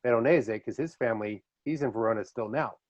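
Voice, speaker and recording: Middle-aged male host, mid-range voice, animated storyteller, muffled lo-fi recording. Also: medium pitch, quick pace. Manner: animated storyteller who drops into voices and laughs easily. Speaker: podcast host. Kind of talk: casual reminiscing chat. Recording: dull lo-fi audio.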